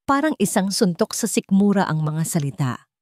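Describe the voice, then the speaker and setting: A story narrator, a woman with a somewhat low, slightly mellow voice, reads a dramatic scripted tale in a very animated way. She keeps a measured delivery and pauses for weight. The recording is dry, with almost no room sound.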